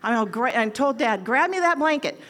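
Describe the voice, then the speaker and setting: A woman in her sixties, an oncology nurse, telling a story to an audience and acting out quoted lines with sudden jumps in pitch and loudness. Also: lively intonation, moderate pace.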